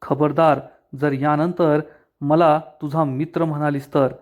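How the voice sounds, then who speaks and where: A man's voice: fairly high pitch, little pitch movement, a little slow, darkish tone, close to an everyday voice. Male narrator as a resentful young man, harsh and accusing. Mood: furious.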